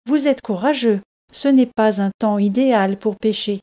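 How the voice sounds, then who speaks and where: A woman's voice: on the high side, normal speed, dark tone, close to an everyday voice. A woman voicing a cheerful Englishman visiting the French seaside, friendly and eager with his questions.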